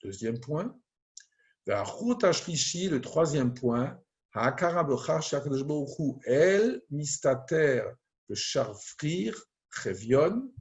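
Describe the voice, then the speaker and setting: A middle-aged man, a rabbi, teaches a prayer line by line. He talks very slowly and deliberately, reading the Hebrew and then translating it phrase by phrase. His voice sits at an ordinary middle pitch.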